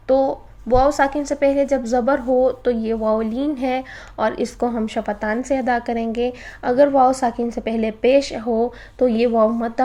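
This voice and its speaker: Woman, recitation teacher, recorded lesson, patient step-by-step explaining, English words mixed in, fairly high voice. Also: warm tone.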